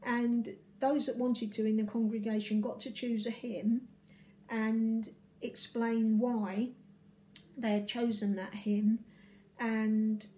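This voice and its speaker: A hoarse woman, a vicar, talking in a casual video diary, halting and full of fillers and restarts. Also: on the high side, mellow, slight background noise, poor audio.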